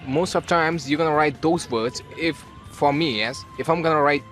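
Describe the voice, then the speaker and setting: A man, a student chatting in a group interview, animated, sometimes acting out other people in a high voice. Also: normal speed, soft background music. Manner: animated, acts out puzzled locals in a high voice.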